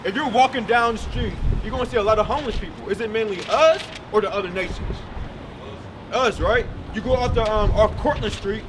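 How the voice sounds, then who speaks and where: High-pitched and a little fast, a man preaches on a city street, pressing his listener with emphatic questions. Loud traffic nearly swamps the distant microphone.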